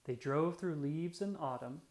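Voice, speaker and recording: A mid-range voice reads a children's picture book aloud for young listeners, shaping each phrase with care and expression. The recording is roomy, with noticeable echo.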